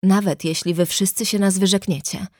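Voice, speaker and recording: A woman voicing a frightened gentle teenage girl. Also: mid-range voice, steady tone, moderate pace, no room sound, clean studio sound, natural voice. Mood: pleading.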